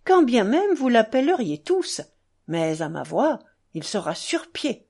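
A woman reading the part of an eager, proud schoolboy who talks in a lively, boastful, hurried way. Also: a little high, exaggerated voice. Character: eager proud schoolboy showing off his dog.

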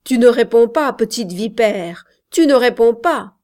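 A jealous young shepherd boils over, loud, contemptuous and threatening, every word weighed out slowly, as a woman reading the tale acts him. The voice sits a touch high for a man, straining upward when he shouts in this storybook reading. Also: animated. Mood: shouting, scornful.

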